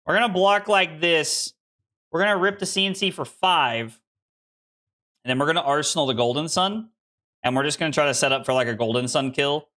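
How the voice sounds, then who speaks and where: A man in his late twenties streams a card game, chatting casually with viewers as he plays. His voice sits on the high side and comes out a little fast, pushed and bright. He rambles, puts himself down, and keeps restarting his sentences.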